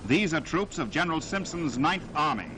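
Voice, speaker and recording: In a very noisy recording, a man with a slightly high, expressive voice narrates a 1940s newsreel over a vintage soundtrack. He speaks in a dramatic, declamatory style, measuring out emphatic phrases.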